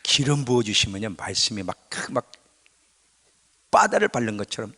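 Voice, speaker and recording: A man's voice: medium pitch, sing-song, normal speed, bright, forceful tone, slightly rough. A male pastor preaching a sermon in a conversational way, often putting questions to his congregation. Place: church sanctuary. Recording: church hall with long reverb.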